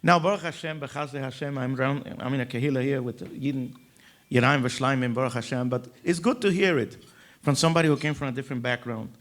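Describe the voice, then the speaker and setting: A man's voice: medium pitch, brisk, fairly bright tone. A man giving an inspirational religious talk as a rabbi, telling stories emphatically and acting out the dialogue. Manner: emphatic, dramatic storyteller who acts out dialogue. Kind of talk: inspirational religious storytelling speech.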